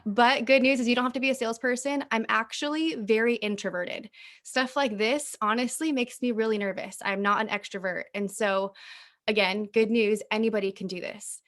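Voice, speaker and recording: Upbeat woman with a high voice. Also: steady tone, normal speed, a bit bright. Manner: upbeat, smiling while talking; chatty, uses filler "like" and "um". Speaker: network marketing presenter. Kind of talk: recruiting pitch talk.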